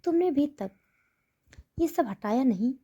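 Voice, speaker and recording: A woman's voice: high-pitched, expressive, a little slow, dark tone, highs cut off, voice pushed up. A woman voicing a stern, domineering wealthy mother who speaks in a firm, commanding way.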